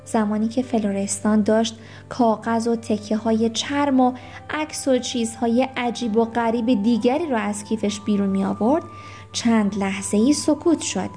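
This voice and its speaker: A woman gently reading a children's story aloud, with small spoken asides. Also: fairly high pitch, steady tone, soft background music.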